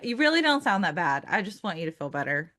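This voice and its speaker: A woman's voice: fairly low pitch, sing-song, fast, bright, forceful tone. A woman co-hosting a podcast in casual chat, upbeat and enthusiastic, often agreeing with her co-host.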